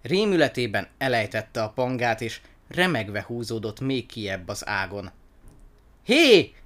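A man narrating a children's story aloud in an expressive, animated reading. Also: medium pitch.

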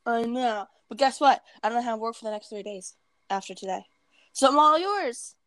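A woman with a raspy, just-woken voice chatting casually and playfully as a podcast co-host. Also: on the high side, fairly even intonation, brisk. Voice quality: raspy, just-woke morning voice. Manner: playful, bantering. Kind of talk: casual chat.

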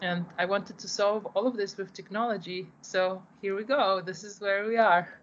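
A woman's voice: mid-range voice, steady tone, moderate pace, lo-fi sound, slight background noise. A woman, a startup founder answering interview questions earnestly, often restarting her sentences. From Ukraine, raised in Poland. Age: 40s. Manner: earnest, with frequent restarts and repeated words.

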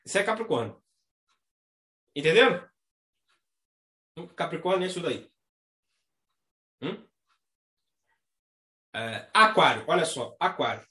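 A man with a Brazilian Portuguese accent hosting a casual astrology chat, talking in a slangy, animated way and mimicking the people he describes. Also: a little high, slow pace, pauses often. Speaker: astrology talk host. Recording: echoey room.

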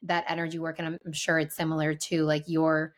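A woman's voice: deep voice, completely flat delivery, fairly quick. A woman co-hosting a podcast as an energy healer, chatting casually, laughing often and using spiritual wording.

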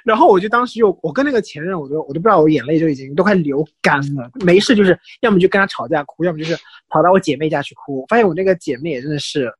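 Animated husky man telling stories. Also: fairly high pitch, rapid-fire, few pauses, dry recording. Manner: animated, gossipy storytelling mixing Chinese and English. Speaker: podcast co-host. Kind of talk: casual chat.

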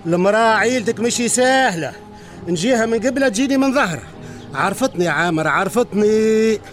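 A shaken tunisian-accented guy, fast and high, faint music. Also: expressive. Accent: Tunisian Arabic. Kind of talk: period TV drama acting.

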